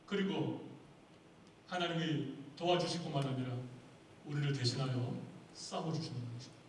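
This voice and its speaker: A man's voice: mid-range voice, normal speed, a little hiss or hum. A male pastor preaching a Sunday sermon and asking the congregation rhetorical questions. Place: church sanctuary. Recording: echoey hall, far from the mic.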